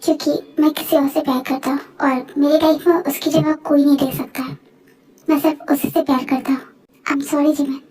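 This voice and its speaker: A woman voicing a calm, firm and apologetic young man in a fan voice-over drama. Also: high-pitched, moderate pace, recorded from a distance, natural voice.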